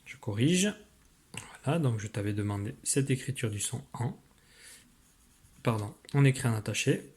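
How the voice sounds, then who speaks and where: A man, a teacher giving a recorded spelling dictation, patient and clear, slowly articulating each sound. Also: medium pitch, animated, a little mellow.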